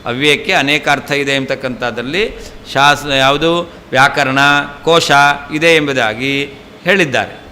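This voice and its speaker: Older man teaching in a bright voice. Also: medium pitch, unhurried. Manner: explains patiently, repeats terms, asks "understood?". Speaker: Sanskrit scholar teaching a class. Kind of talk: traditional scripture lesson. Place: temple hall. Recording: long hall reverb, faint ambient noise.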